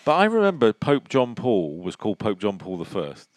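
A man with a fairly low voice chats as a quiz co-host. His delivery is casual, jokey and teasing, recorded close and dry. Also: huge pitch swings, normal speed, no room sound. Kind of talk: casual banter.

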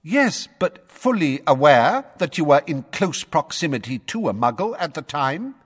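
A man's voice: on the high side, very animated, normal speed, breathy edge, big-room sound, voice pushed up. A man voicing a blustering, testy middle-aged minister who reads out charges formally. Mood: badgering.

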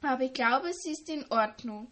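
A woman's voice: high-pitched, lively intonation, moderate pace, a bit bright. A woman reading the part of a cheeky, boyish teenage schoolgirl, matter-of-fact in tone.

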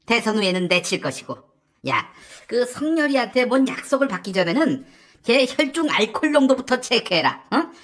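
A woman's voice: a little high, big pitch swings. A woman playing a scornful, swearing needler. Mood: sarcastic. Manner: scornful, swearing, rapid-fire nagging. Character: sharp-tongued woman mocking an old political fixer. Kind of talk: satirical comedy sketch.

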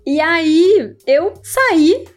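A young woman, telling stories to her viewers in a chatty, animated way, laughing as she goes. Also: very high-pitched, extremely slow, faint music behind. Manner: chatty, animated, laughing, quotes people in raised voices. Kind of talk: casual storytelling to viewers.

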